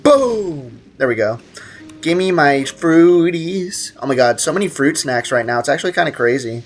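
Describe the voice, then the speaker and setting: Faint music plays behind a man with an expressive voice on the high side, hosting a casual gaming livestream at a moderate pace. He reads viewer comments aloud and chats with them in playful slang, prone to exaggerated outbursts.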